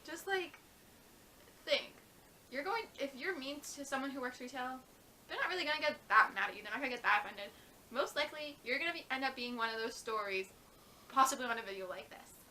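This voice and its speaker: A young woman co-hosting a casual vlog chat, blunt and quick to chime in with advice. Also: sits high, pushed and bright, slight background noise. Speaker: vlog co-host.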